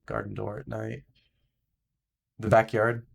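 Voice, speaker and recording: Stuffy-nosed gravelly streamer chatting. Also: male voice, on the low side, level tone, slow, heavy background noise. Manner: rambling, chatty, jokey asides. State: stuffy, nasal from a blocked nose. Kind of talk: casual gameplay commentary. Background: game music.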